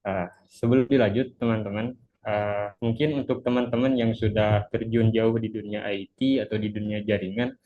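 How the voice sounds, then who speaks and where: A young man gives an informal webinar lesson, speaking through a face mask while slightly unwell. His voice sits fairly low and comes across dull and muffled. He is polite and a bit hesitant, often checking in with his listeners. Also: level tone, normal speed. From Cianjur, West Java, Indonesia. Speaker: webinar presenter. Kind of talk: informal online lesson, introductory presentation.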